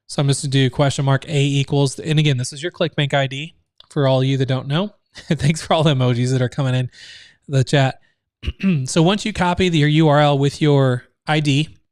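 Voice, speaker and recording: Hosting a live screen-share training online, a man explains steps loosely and casually, full of fillers and restarts. His voice is on the high side, in a studio-quality recording with no room sound.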